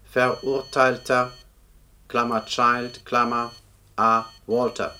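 A medium-pitched male voice takes its time reading out police records, spoken punctuation and all, as a monotone, formal official in a German radio play. It's an older drama recording with background noise that's easy to notice.

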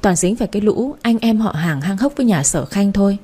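A woman narrating a storybook in first person with chatty asides and sharp scolding dialogue. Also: medium pitch, lively intonation, brisk, slightly rough. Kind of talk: storybook audio reading.

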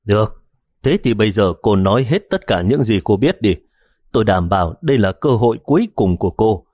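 A cocky young cop speaks in a low, easy, teasing voice, as a male storyteller puts him on. The sound is close and dry, like a home audiobook read. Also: expressive, fairly quick, darkish tone, dry recording.

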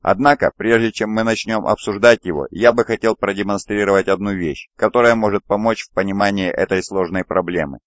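A courteous space navy captain addresses the bench in low, formal tones, read by a male narrator. Dry and slightly dull recording. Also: steady tone, brisk, hardly any pauses, no echo, natural voice.

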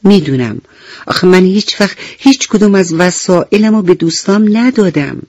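A woman's voice: mid-range voice, animated, darkish tone, no room sound, highs cut off, pitched above the performer's own voice, close to an everyday voice. Woman voicing a shy little monkey in a radio story. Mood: glum. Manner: bashful, hesitant.

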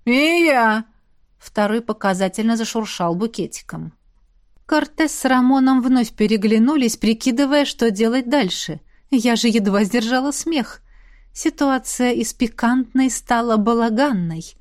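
A woman narrating a first-person fantasy audiobook in a wry, lively storytelling manner. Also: on the high side, normal speed.

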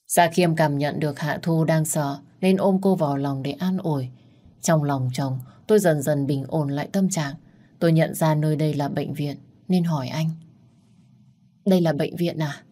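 Woman narrating an audiobook, deep husky voice, soft steady reading. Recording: faint music underneath.

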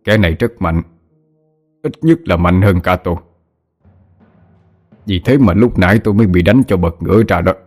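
Deep-voiced, grave middle-aged spirit medium in an audiobook, voiced by a man, soft music behind. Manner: grave, slow, hesitant with fillers.

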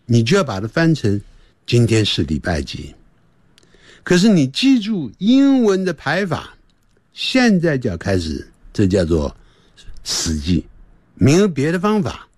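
A man giving a radio English lesson, repeating short phrases over and over and slowing right down to model the sounds. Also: mid-range voice, wildly swooping pitch, a little mellow, slightly rough, no echo, studio quality. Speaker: English teacher.

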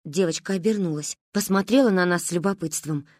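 A woman reading a children's story aloud in an expressive, lively storybook narration. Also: on the low side, fairly quick, no room sound, clean studio sound. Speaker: audiobook reader.

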